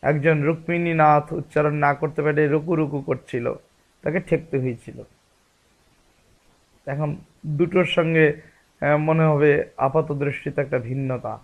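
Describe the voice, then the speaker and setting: A man's voice: on the high side, fairly even intonation, moderate pace, pauses often. A man giving a spiritual discourse as a religious teacher, explaining patiently and asking rhetorical questions.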